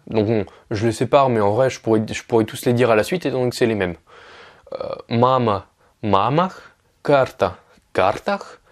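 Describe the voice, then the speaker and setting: A man's voice: mid-range voice, a little mellow. A young man teaching an online grammar lesson, explaining step by step with many hesitations and self-corrections. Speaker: language teacher.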